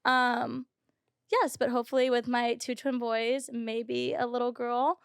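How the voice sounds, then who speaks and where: A woman in her twenties, a podcast guest talking casually, full of "um" and "like" and quick laughs. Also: fairly high pitch, flat delivery, creaky, clean tone, dry recording, clean studio sound. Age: 20s. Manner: chatty, laughs often, says "um" and "like". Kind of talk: casual chat.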